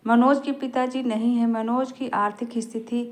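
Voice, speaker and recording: A woman narrating a family story in a plain, even reading voice. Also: on the high side, normal speed.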